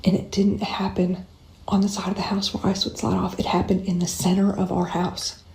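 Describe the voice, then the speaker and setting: A woman's voice: medium pitch, level tone, moderate pace, gravelly, a little mellow. Whispering woman in a roomy space. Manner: whispering, urgent, repetitive. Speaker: mother recounting a strange event. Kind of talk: hushed storytelling to camera. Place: indoors at home. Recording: roomy echo.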